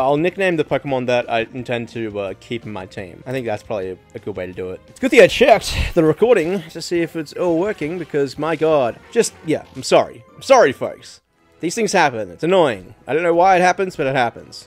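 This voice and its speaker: Profane excitable male gamer with lively pitch. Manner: profane, excitable, swings to loud outbursts. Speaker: gaming channel host. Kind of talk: casual let's play commentary.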